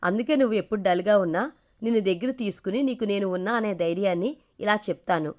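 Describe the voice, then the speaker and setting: Warm teasing mom, middle-aged, gentle, read by a woman, storybook vibe. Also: medium pitch, quick pace, lightly acted. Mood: tender.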